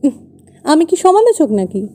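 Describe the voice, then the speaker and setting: A woman's voice: high-pitched, sing-song, moderate pace, slight background noise. A woman reading the part of a young wife who placates her husband, in a Bengali play reading. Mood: placating. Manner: placating, gently reassuring. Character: young adult wife, soothing and evasive.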